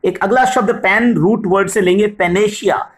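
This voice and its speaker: A man teaching English vocabulary in a video lesson, explaining patiently, reading English examples slowly and often asking "right?". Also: sits high. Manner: addresses viewers as "sahab", frequent "right?".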